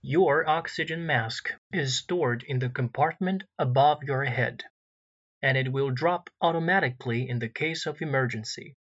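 A man reading recorded airline cabin announcements in a formal, measured way, pausing where details would be filled in. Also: mid-range voice, a bit bright, highs cut off. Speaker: in-flight announcer.

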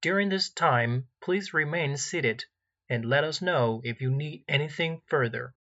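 A man reading recorded airline cabin announcements in a formal, measured way, pausing where details would be filled in. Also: a little high, bright, forceful tone, muffled recording. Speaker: in-flight announcer.

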